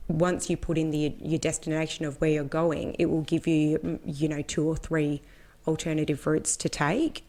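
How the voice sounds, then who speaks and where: A woman's voice: low voice, a little mellow. An Australian woman co-hosting a motorsport podcast, chatting casually and rambling with restarts. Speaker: podcast co-host. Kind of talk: casual chat.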